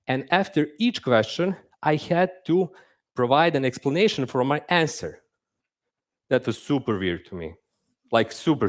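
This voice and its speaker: A young game narrative designer gives a live conference talk on stage, his pitch swinging lively. He's animated and conversational, leaning on casual, self-mocking humor.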